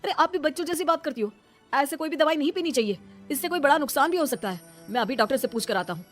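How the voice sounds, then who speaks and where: A woman's voice: high-pitched, animated, fast, faint music behind. A woman voicing a young husband in a cartoon who reasons with his wife and scolds his mother. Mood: firm. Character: young husband, sensible and firm. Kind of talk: cartoon voice acting.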